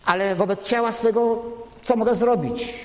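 A man's voice: high voice, fairly even intonation, normal speed, a little mellow. A man preaching a sermon, telling family stories in a chatty, anecdotal way and speaking straight to the congregation. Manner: conversational, anecdotal, addresses the congregation directly. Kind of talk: storytelling sermon. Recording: echoey hall reverb.

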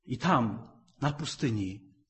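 Fervent male preacher, swings loud and soft. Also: mid-range voice, animated, slow pace. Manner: fervent, rising to loud emphatic peaks; repetitive, rhythmic phrasing. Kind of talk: sermon.

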